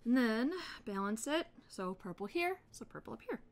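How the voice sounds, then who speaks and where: A woman in her thirties hosting an art tutorial, chatting in a relaxed way while she colors, with soft murmured asides. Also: a little high, normal speed. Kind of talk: casual chat while coloring.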